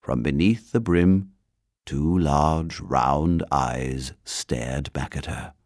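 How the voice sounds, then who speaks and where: A man reading a children's storybook aloud in an expressive storytelling manner. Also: very deep voice, extremely slow, no echo, studio quality. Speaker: narrator.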